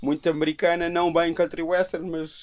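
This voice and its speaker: A man's voice: a little high, little pitch movement, a little fast, over a noisy crowd. A young man chatting casually with friends about music, explaining in slangy bursts with repeated starts.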